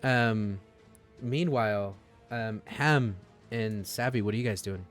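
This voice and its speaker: A man narrating as game master of a tabletop game, relaxed and often chuckling between ums. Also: lowish voice, slow, soft background music.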